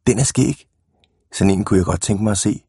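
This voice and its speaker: A man reading a storybook aloud, voicing a curious, easily delighted little boy in a raised, excited voice. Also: lowish voice, slightly rough, dry recording, clean studio sound. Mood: eager.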